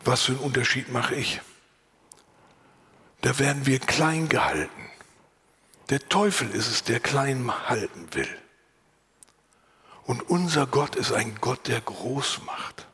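A pastor preaching a sermon, earnest and lively, sometimes dropping to a whisper and then rising for emphasis, with a voice he himself calls unusual. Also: medium pitch, measured pace, in a large hall. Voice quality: husky. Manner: earnest, varied, drops to whispers and rises for emphasis. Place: church.

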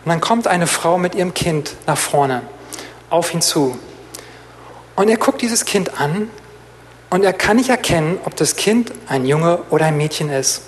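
A man's voice: a little high, expressive, unhurried, a little hiss or hum. A man preaching a sermon, telling a story and praying, earnest and hesitant, with fillers and restarts.

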